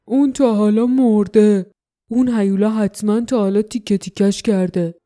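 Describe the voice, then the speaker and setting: A hulking male warrior growls his lines with a grumbling, hot-tempered edge, as a woman puts him on. The tone is dark and mellow. It is a storybook reading. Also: medium pitch, fairly even intonation, close to an everyday voice. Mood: bitter. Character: gruff hulking male warrior, quick to anger.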